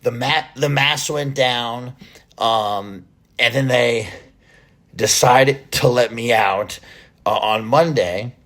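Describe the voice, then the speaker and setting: A man's voice: medium pitch, a bit bright. A man gives a casual vlog update to his followers while still short of breath from a recent illness. He rambles and hesitates, restarting sentences and filling gaps as he goes. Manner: halting, rambling, many fillers and restarts. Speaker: fitness content creator.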